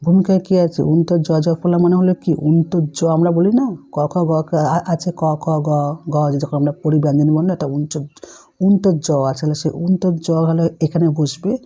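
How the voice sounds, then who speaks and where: A woman's voice: low voice, fairly even intonation, fairly quick, warm tone, husky. A woman teacher patiently explaining a lesson to young pupils step by step, asking them questions as she goes. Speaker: primary school teacher. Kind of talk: online class lesson.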